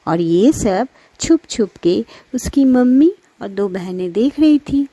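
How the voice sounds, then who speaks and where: A woman's voice: mid-range voice, lively intonation, takes it slowly, mellow, no echo. A woman narrating a children's moral story in a plain storytelling way.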